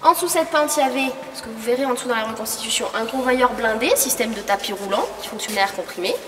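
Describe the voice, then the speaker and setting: A fast-talking museum guide with a fairly high voice walks a group through an indoor mining museum hall, explaining and asking them questions, though she sounds tired and has a cold. A distant camera records her in the echoey, noisy hall.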